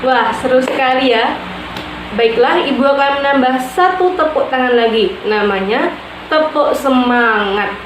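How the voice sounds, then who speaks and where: A woman teacher leading children through cheerful classroom clapping chants and drawn-out call-and-response lines. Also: high voice. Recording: echoey room with steady background noise.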